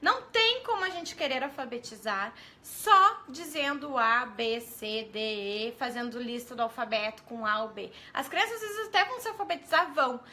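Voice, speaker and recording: A woman's voice: high voice, sing-song, bright, forceful tone. A woman with a Brazilian accent who trains teachers, giving a live-streamed lesson, asking viewers questions and greeting them by name. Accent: Brazilian Portuguese. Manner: spells out letters slowly and clearly.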